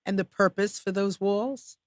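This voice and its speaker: A woman's voice: medium pitch, fairly even intonation, measured pace, no room sound. Chatty woman hosting a live show. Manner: upbeat, chatty, welcoming. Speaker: show host. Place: studio.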